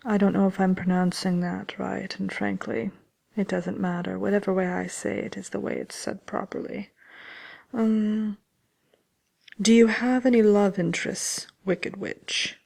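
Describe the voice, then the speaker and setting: A woman voicing a vain, condescending wicked witch in an in-character ASMR chat, drawling in a breathy, creaky, self-satisfied way. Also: mid-range voice, steady tone, measured pace, a little mellow.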